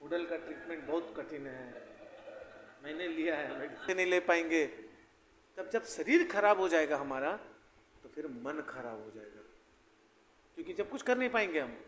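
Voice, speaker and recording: A man's voice: on the high side, lively intonation, normal speed, pauses often, a bit bright. A man giving a devotional scripture lecture in a conversational, anecdotal way, often wry. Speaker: preacher giving scripture class. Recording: echoey hall with faint ambience.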